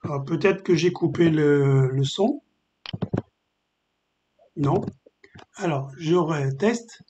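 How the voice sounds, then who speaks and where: A man with a slightly raised voice gives a screen-recorded coding tutorial. He explains at an easy pace with many hesitant filler pauses. The sound is dull and lo-fi, with a faint hiss underneath. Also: fairly high pitch, a little mellow. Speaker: software tutorial presenter.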